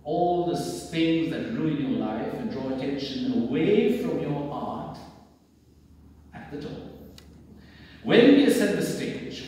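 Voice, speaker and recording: On a theatre stage indoors, an older man whose voice is a little high and warm gives a formal read speech with emphatic, theatrical, declamatory delivery. The recording comes from a distant camera among the audience, leaving a very echoey hall sound and faint background noise.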